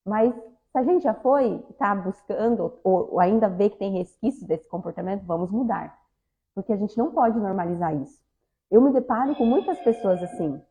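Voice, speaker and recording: A woman's voice: fairly high pitch, mellow, muffled recording. A woman giving a spiritist talk, speaking conversationally and often addressing the audience directly. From southern Brazil. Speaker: lecturer at a spiritist center.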